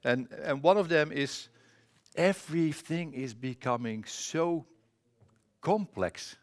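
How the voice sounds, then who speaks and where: This man from the Netherlands has a fairly high voice, speaks slowly, and carries a Dutch accent. He's a conference presenter and trainer giving a casual, hesitant presentation in a conference room on a presentation mic, with many filler sounds and restarts.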